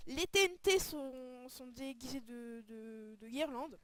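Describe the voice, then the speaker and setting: A woman's voice: high-pitched, slow, a bit bright, slight background noise. A woman casually commenting on a game texture pack as a video creator, hesitant and often searching for her words. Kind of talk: casual screen-recorded commentary.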